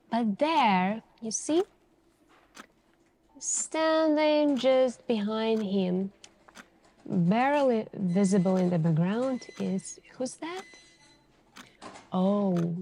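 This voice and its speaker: In an ASMR interrogation roleplay, a woman plays a calm, insistent police detective who sounds pointedly suspicious. Her mid-range voice stays hushed and deliberate, with pauses between short phrases.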